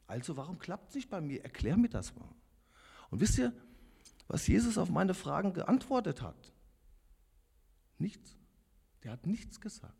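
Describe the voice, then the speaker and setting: A man in his fifties, a lay preacher, gives an earnest, confessional personal testimony directly to a congregation. His fairly high-pitched voice is dark, slightly rough and marked by vocal fry, with a long hall reverb around it.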